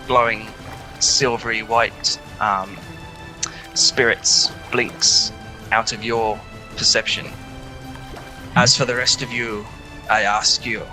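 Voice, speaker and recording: A man's voice: lowish voice, flat delivery, slow pace, pauses often, pushed and bright, faint music behind, low-quality recording. A man narrating a tabletop game as game master, with hesitant, filler-heavy speech.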